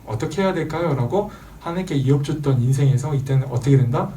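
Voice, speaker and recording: Animated man preaching to teenagers. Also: a little high, fast talker, far from the mic. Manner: animated, acts out quoted voices, asks audience questions. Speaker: youth pastor. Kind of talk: sermon to teenagers.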